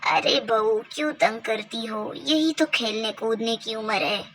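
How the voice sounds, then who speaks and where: A woman voicing a stern old grandmother in a doll-play story, speaking slowly and protectively, scolding her daughter-in-law. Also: a little high, fairly bright tone, slight background noise, pitched below the performer's own voice, poor audio.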